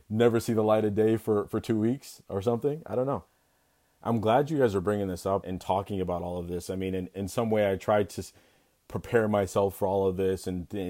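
A young man with a low voice speaks as an interview guest. He talks candidly about his own life, pausing and restarting his sentences. His tone stays mellow and soft-edged. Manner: reflective, halting with frequent restarts. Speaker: interview guest, expectant father. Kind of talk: candid personal conversation.

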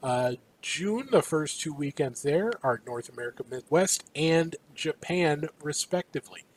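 A man's voice: on the high side, animated, unhurried, low-quality recording. A man co-hosting a casual gaming news show, running through a schedule playfully with a few fillers. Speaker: co-host. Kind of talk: casual esports news chat.

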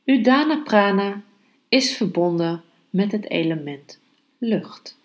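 A woman hosting a yoga podcast, teaching calmly and guiding meditation in a measured, unhurried way. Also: mid-range voice. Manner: slow, measured, unhurried delivery with pauses. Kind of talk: calm instructional podcast and guided meditation.

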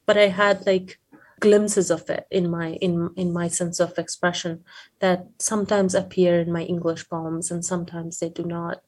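A poet whose first language is Persian and who has an Afghan accent answers questions as an interview guest. Her fairly low voice stays quite flat in melody at a normal speed, and she speaks reflectively and hesitantly, searching for the right words.

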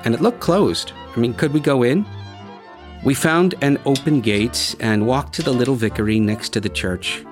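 A man narrating a scripted story in a measured way, with dramatic pauses. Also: mid-range voice. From United States. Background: guitar music.

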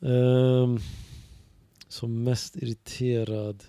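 A man's voice: mid-range voice, dry recording. A man who is a stand-up comedian, chatting casually as a podcast guest and telling stories animatedly, with plenty of swearing and filler words. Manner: animated storyteller, acts out other people's lines.

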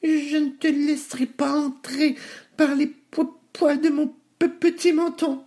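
A man voicing frightened little male pigs in a very high, stammering squeal. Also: level tone, measured pace, a little mellow. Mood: panicked.

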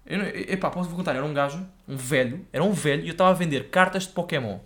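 A young man, telling stories in an animated, slangy way as a casual podcast co-host. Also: a little high, racing. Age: young adult. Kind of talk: casual chat, storytelling.

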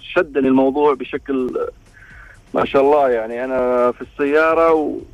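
A man's voice: mid-range voice, steady tone, a little fast, no room sound. A man calling a radio show over the phone from his car, polite and rambling with fillers. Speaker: radio caller. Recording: lo-fi phone line, faint music behind.

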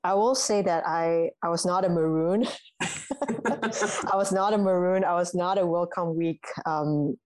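A young woman from Malaysia, a university alumna answering interview questions in a measured, thoughtful way, with ums and restarts. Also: on the low side, darkish tone, dry recording, poor audio. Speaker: guest, alumna.

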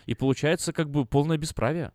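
A man's voice: fairly high pitch, fast talker, darkish tone, no echo. A man hosting a live radio call-in show, talking opinionatedly at a studio mic. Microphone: close studio microphone.

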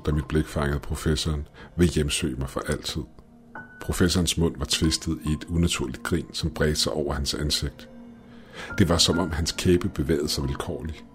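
Steady, measured male horror narrator with an extremely low voice, faint music underneath. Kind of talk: first-person horror story narration.

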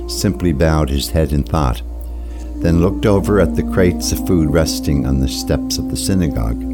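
A man playing a thoughtful seeker who narrates his own tale in a measured, literary, reflective way. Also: low-pitched. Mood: earnest. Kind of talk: scripted first-person story narration.

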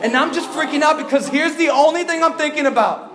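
A lively man in his thirties with a high voice tells a comic story to a big crowd. He is animated, jumps into loud acted quotes and chuckles along. His voice rings around a roomy hall. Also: fast. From Cuban family, raised in the US. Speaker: youth event speaker. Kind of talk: comedic storytelling to a live crowd.

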